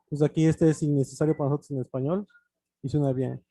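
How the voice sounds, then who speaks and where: A man's voice: on the high side, fairly even intonation, quick pace, warm tone, no room sound. A man teaching an online English grammar lesson, explaining patiently with frequent fillers and restarts.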